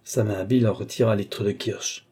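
A man narrating a short story in a measured storytelling manner. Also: on the low side, steady tone, dark tone, husky.

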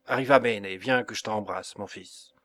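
A man voicing a proud, temperamental middle-aged sculptor in a storybook reading, commanding and loud. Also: medium pitch, unhurried. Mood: hearty.

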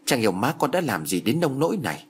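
A man voicing an anxious middle-aged husband and father who pleads helplessly, in a husky voice. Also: medium pitch, very animated, quick pace. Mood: resigned.

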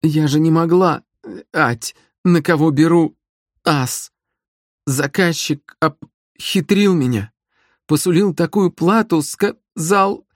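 A man's voice: a little high, no echo, studio quality, pitched above the performer's own voice. A man reading an audiobook, voicing a frightened young woman hired killer who pleads breathlessly and swallows her syllables.

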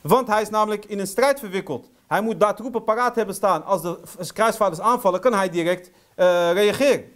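Brief: man with a high voice, lecturer, indignant storyteller, asks rhetorical questions. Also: a little fast, few pauses, a bit bright. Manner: heated, indignant; sprinkles Arabic phrases into speech. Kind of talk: history lecture.

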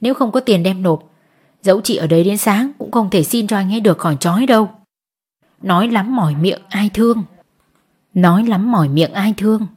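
A woman's voice: medium pitch, brisk, darkish tone, breathy edge, natural voice. Sympathetic village men tied up in the same place, voiced by a woman reading a story, talking in kindly, advising tones. They urge the wife to go home. It is an old-fashioned storybook reading.

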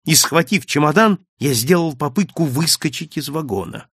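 Sex: man. Role: audiobook narrator. Style: dramatic first-person narration, lively and rather high. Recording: dry. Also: moderate pace, breathy edge, dry recording. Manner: expressive, dramatic storytelling.

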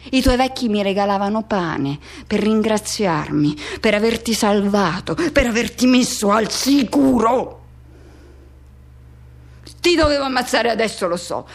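A woman with a voice on the high side performs a radio theatre monologue as a person haunted by lost love. She speaks intensely in short, broken, repeated phrases, sounding grieving and dreamlike at first, then bitter and intense.

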